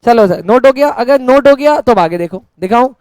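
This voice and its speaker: A male teacher lectures a class, sometimes slowing to dictate notes word by word. He plays both sides, asking questions and answering them himself as a student. His voice is smooth and clear, recorded close and dry. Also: very high voice, animated, a little mellow, no room sound. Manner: playful, switches between teacher and mock student voice.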